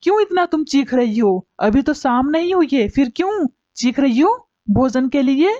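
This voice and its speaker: A woman's voice: high-pitched, animated, normal speed, warm tone, dry recording. A woman voicing a lazy, thieving male bird in a cartoon, grumbling and whiny. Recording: dull lo-fi recording.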